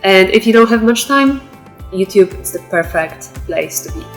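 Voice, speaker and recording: Podcast host, female, chatty and casual, mid pitch, faint music bed underneath. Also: animated, moderate pace, rough recording. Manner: chatty, many fillers and restarts. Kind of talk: podcast interview intro.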